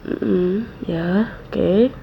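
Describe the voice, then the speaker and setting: A woman in a whispered role-play, soothing a friend softly and repeating comforting words close to the mic. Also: mid-range voice, extremely slow, gravelly. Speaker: ASMR role-play creator. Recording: dull lo-fi mic with faint hiss.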